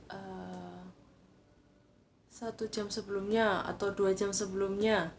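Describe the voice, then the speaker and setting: Woman language teacher, slow careful explaining, echoey room, faint background hiss. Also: mid-range voice, darkish tone. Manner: slow, explaining step by step in casual Indonesian. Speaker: Mandarin teacher. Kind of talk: live online lesson.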